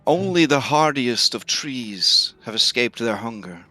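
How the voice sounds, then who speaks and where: A man voicing a mournful, fearful talking tree in a slow, drawn-out and solemn way. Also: mid-range voice, expressive, pushed and bright, faint music behind.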